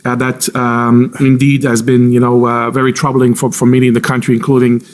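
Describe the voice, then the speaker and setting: A man giving formal testimony as an intelligence official under cross-examination, choosing his words carefully with many pauses and repeats. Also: medium pitch, monotone, darkish tone. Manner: careful, halting, hedged with frequent pauses and repeats. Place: formal public inquiry hearing.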